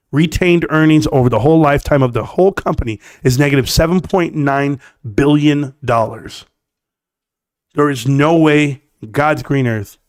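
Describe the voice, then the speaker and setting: Speaking directly to his livestream chat, a middle-aged man delivers a blunt, emphatic, opinionated rant about stocks in a scratchy, medium-pitched voice. There is no room sound and the quality is studio-grade.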